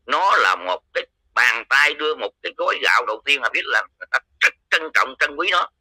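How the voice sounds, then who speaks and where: A man's voice: mid-range voice, lively intonation, fairly quick, pushed and bright, husky, no room sound, low-quality recording. A man with a Southern Vietnamese accent, a lay follower of a religion, giving a heated, coarse, confrontational rant. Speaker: Cao Dai lay follower.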